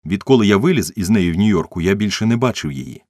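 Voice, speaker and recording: A man voicing a rough, commanding wealthy man who talks in a gruff, domineering way. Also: on the low side, animated, fast talker, a little mellow, dry recording, studio quality, voice pushed up.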